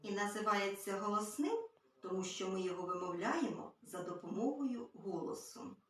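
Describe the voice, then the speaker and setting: A woman teaching a literacy lesson to small children, gently and patiently. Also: mid-range voice, expressive, moderate pace, slight background noise. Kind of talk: early-years literacy lesson. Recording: very echoey room, far from mic.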